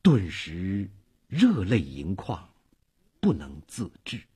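A man's voice: deep voice, wildly swooping pitch, slow, dark tone, slightly rough. A man narrating a historical tale in a traditional oral storytelling style, with dramatic, emotive delivery.

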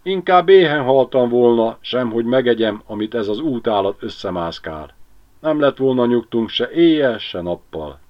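Stern proud horse for a storybook, loud and emphatic, done by a man; lo-fi. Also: mid-range voice, lively intonation, voice pushed up, natural voice.

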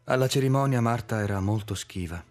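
A man narrating a literary audiobook in a measured, expressive reading. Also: fairly low pitch, faint music behind. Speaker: audiobook reader.

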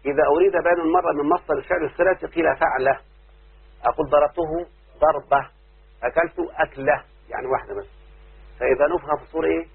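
A man with an Egyptian Arabic accent, a sheikh teaching grammar who keeps quizzing his students in a patient, repetitive call-and-response lesson, heard on a tinny low-fidelity recording. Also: creaky, breathy edge.

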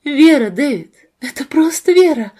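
A woman's voice: a little high, animated, moderate pace, dark tone. A woman voicing an earnest young wife who pleads with her husband in a read-aloud novel. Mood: pleading. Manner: pleading, urgent.

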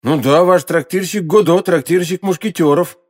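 A man's voice: sits high, moderate pace, pitched above the performer's own voice. Brief: young impulsive swordsman, earnest, emphatic, storybook hero, read by a man. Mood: puzzled. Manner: urgent, emphatic.

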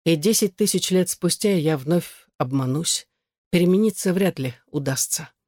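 A reader of an audiobook voicing a weary, gently ironic immortal man who speaks softly and sounds worn out. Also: mid-range voice, normal speed, no room sound, studio quality, natural voice. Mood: weary, resigned.

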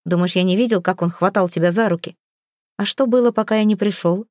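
A woman's voice: medium pitch, fast talker, a little mellow, no room sound, studio quality, natural voice. A woman reading the part of a jealous, hot-tempered young man, a king's heir, speaking with irritation and scorn. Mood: furious.

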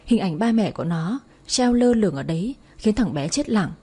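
Female audiobook narrator, soft and even, warm low tone with a breathy grain. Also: normal speed.

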